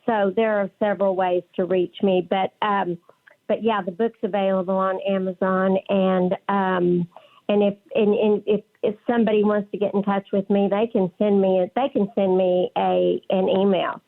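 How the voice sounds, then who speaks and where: This woman, a licensed professional counselor appearing as a radio interview guest, has a West Texas twang and a medium-pitched voice. Her delivery is flat and moderately paced, and the sound is narrow-band, like a phone call.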